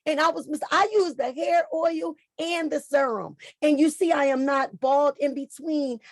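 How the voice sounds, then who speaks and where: A woman in her forties on a video call sharing a testimonial, effusive and animated, calling everyone girl and honey. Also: high voice, unhurried, dry recording, clean studio sound. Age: 40s. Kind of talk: casual video call chat.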